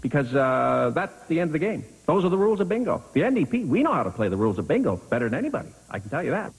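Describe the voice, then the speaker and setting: A man doing a comedy impression of a folksy male politician working as a bingo caller, halting and full of hesitations. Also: fairly high pitch, very animated, husky, exaggerated voice, rough recording. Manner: bingo caller announcing numbers; halting, filler-laden speech.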